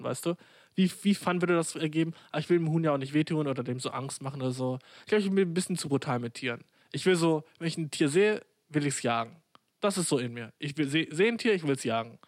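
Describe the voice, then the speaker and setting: A man's voice: on the high side, dry recording, studio quality. Young man telling a slangy, rambling story. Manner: slangy, peppered with English words and swearing; rambling with many fillers and restarts. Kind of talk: casual comic anecdote.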